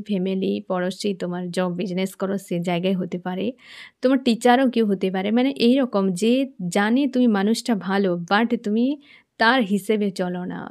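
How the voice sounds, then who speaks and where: A woman reads tarot cards in a relaxed, conversational way. Her voice is mellow and warm, at an ordinary middle pitch. She talks to the viewer like a friend and often asks whether they follow. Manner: chatty, addresses the viewer as friend, asks "understand?". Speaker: tarot reader. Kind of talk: casual tarot reading to camera.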